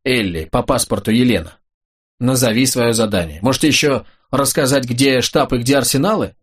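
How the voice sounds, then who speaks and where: A man reading an audiobook, voicing a cool, sharp-tongued young woman who gives orders in an imperious, sarcastic way. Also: mid-range voice, moderate pace, husky, close to an everyday voice. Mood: commanding.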